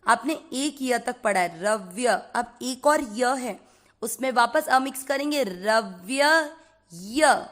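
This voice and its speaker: Slow, careful woman teaching Sanskrit recitation. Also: on the high side, fairly bright tone. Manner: slow, careful, repeats each syllable and chants the verse lines. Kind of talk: syllable-by-syllable pronunciation lesson.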